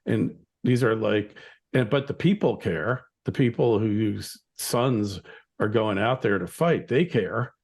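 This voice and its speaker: A man's voice: lowish voice, slow, a little mellow, slightly rough. A middle-aged American man hosting an interview podcast, chatting in a rambling, opinionated way. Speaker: podcast host. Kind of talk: conversational interview.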